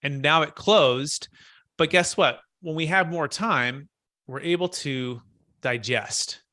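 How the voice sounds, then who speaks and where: A man's voice: a little high, slow, bright, forceful tone, no room sound, clean studio sound. A man hosting a casual real estate webinar over a video call, talking earnestly and thinking aloud with frequent restarts. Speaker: host of a commercial real estate mastermind call.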